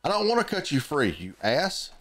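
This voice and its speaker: A man's voice: on the high side, sing-song, normal speed, a bit bright, a little hiss or hum. A man streaming a video game, chatting casually with friends and swearing freely as he grumbles at the game. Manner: chats with friends between gameplay. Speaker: gaming streamer. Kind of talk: casual let's-play commentary.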